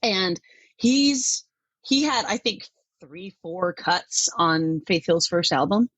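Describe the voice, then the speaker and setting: Middle-aged woman from Denmark, husky mid voice, dry close recording, lively interview guest. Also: on the low side, slow, dry recording. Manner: chatty and animated, laughs often. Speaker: country music artist, guest. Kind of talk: casual interview talk.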